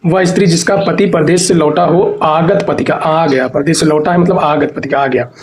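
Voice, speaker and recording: A high-pitched man runs an exam preparation lesson, reading out lists of words and definitions. He repeats each answer and walks through the spelling of tricky words. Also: fairly even intonation, normal speed, a little hiss or hum. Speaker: Hindi teacher.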